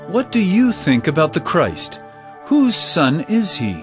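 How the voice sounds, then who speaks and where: An actor playing Jesus as an authoritative teacher in a dramatized scripture production, speaking emphatically. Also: male voice, sits high, very animated, takes it slowly, faint music behind, heavily acted. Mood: authoritative teaching. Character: Jesus, an authoritative male teacher telling parables.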